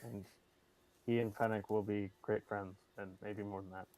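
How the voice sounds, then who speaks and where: A game master running a tabletop session, talking in a relaxed, jokey way. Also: deep voice, normal speed, rough recording. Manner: laid-back, jokey, laughs a lot. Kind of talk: casual game talk.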